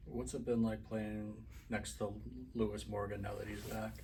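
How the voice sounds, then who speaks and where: A man's voice: fairly low pitch, level tone, normal speed, dark tone. A man working as a reporter, asking questions at a press scrum. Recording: distant from mic, faint noise.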